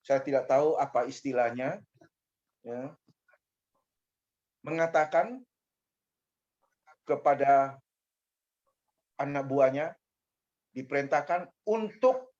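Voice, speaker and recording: An older man, a pastor, telling a personal testimony in a measured way, often dropping a soft "ya" between phrases. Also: mid-range voice, lively intonation. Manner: measured, fills pauses with a soft "ya". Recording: dull lo-fi recording.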